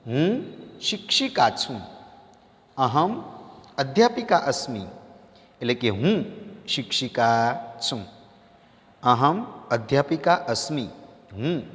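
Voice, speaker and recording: A male teacher delivers a recorded school lesson at a very slow, patient pace, saying each word and its meaning twice over. His voice carries a long reverb, as if he were recorded in a large hall. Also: medium pitch, a bit bright. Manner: repeats each word and its meaning, addresses students as friends.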